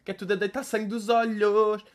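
A man doing a fussy, melodramatic young woman, whining high and loud with a Portuguese accent. She wails about her own temper in an over-the-top mocking voice. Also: level tone, brisk, natural voice. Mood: mocking whine. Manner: exaggerated mocking whine.

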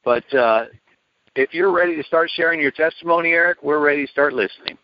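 Male host, slightly high voice, casual chat, lo-fi muffled audio. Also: a little fast, no echo. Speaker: radio show host. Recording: dull lo-fi radio call audio.

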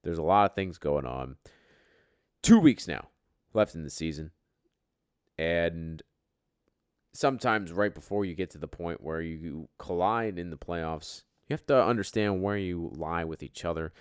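A man's voice: sits low, a little slow, clean tone, no room sound, studio quality. A man hosting an informal fantasy sports top ten countdown show, with profane, bro-style trash talk. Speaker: fantasy football league show host.

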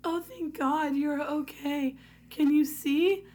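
A woman voicing a frightened young wife who pleads in a high, urgent, loud voice. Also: fairly even intonation, slow. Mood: relieved, urgent.

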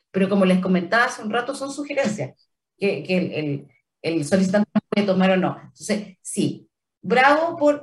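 A woman's voice: mid-range voice, distant mic. A woman with a Chilean accent, a trademark office official answering interview questions carefully, with many fillers and restarts. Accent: Chilean Spanish.

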